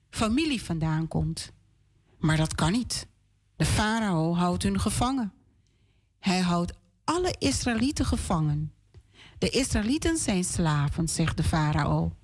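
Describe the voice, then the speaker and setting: A woman on children's radio reading a Bible story aloud in a clear, expressive way. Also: lowish voice.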